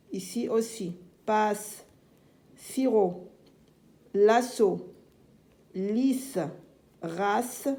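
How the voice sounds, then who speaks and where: A woman teaching young children to read, slowly and deliberately repeating each syllable and word, gently firm with her pupils. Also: medium pitch, gravelly. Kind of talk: phonics lesson for young children.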